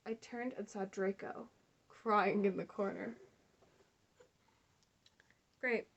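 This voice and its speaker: A woman's voice: medium pitch, fairly even intonation, slow pace, muffled recording. A young woman casually reading fan fiction aloud, breaking off for sarcastic, laughing, swearing asides. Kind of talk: casual comedic read-along.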